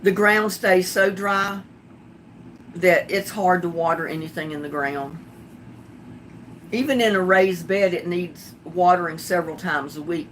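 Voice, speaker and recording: An older woman from North Carolina, whose Southern accent carries some Texas, hosts a gardening channel livestream, chatting casually and telling stories with frequent laughter. Her voice is fairly low in pitch with a fairly bright tone, and the audio is poor with slight background noise.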